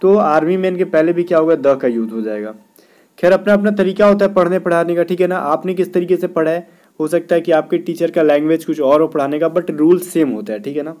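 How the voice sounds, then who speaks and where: Hindi-speaking male grammar teacher, mellow voice. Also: a little high. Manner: explains in Hindi, reads English sentences slowly; keeps asking "theek hai na" and "kya bhai". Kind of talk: exam-prep grammar lesson.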